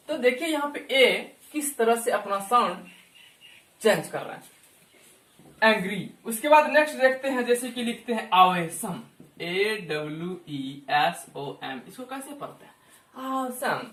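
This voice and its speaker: A man teaching a lesson as a YouTube teacher, repeating each word slowly and stretching it out to show the pronunciation. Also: very high-pitched, a bit bright, echoey room. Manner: drawn-out, repeats words for pronunciation. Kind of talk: slow explanatory lesson.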